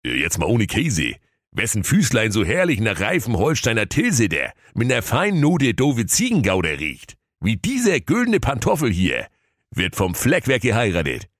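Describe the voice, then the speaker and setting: A man's voice: sits low, animated, moderate pace, a bit bright, no room sound, clean studio sound. A man doing a smug, bumbling cheese-loving prince.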